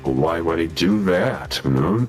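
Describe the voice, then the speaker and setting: A man voicing a smug, taunting mastermind who phones in through a voice changer that makes his voice very deep. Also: animated, takes it slowly, over music. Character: mocking male mastermind caller, smug and taunting. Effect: voice changer, pitched very deep. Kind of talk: fan dub of a video game.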